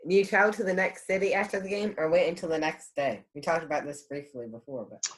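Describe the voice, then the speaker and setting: A woman's voice: sits low, fast talker, poor audio. A woman interviewing casually, putting in short reactions and questions. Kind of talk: casual chat.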